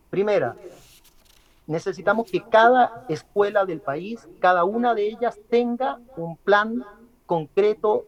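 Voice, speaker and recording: An education specialist, not Peruvian, answers interview questions methodically, listing his points and using frequent fillers. His voice is high-pitched and the audio sounds dull.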